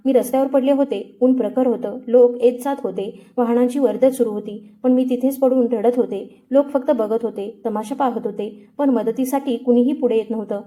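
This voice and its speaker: A woman's voice: a little high, dark tone. A woman narrating a sorrowful first-person story in an earnest tone.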